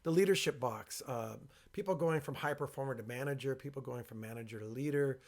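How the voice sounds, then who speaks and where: A man presenting informally and explaining his work, speaking with a box over his head, in a creaky voice. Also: medium pitch, a little fast. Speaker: workshop creator and presenter.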